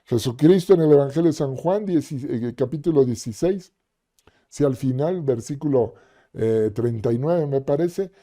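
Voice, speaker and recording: Male preacher, dark warm tone, conversational sermon delivery. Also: mid-range voice, animated, moderate pace. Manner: conversational, acts out quoted voices, frequent "ujú" fillers.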